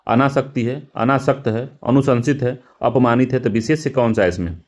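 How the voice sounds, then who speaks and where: A man's voice: mid-range voice, normal speed, dull audio. A male teacher going through exam practice questions, repeating words and correcting himself, with frequent fillers. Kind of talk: explaining test answers.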